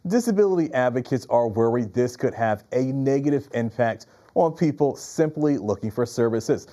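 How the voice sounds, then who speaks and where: A man's voice: mid-range voice, animated, moderate pace, mellow. A man with an American accent reading scripted news as an anchor.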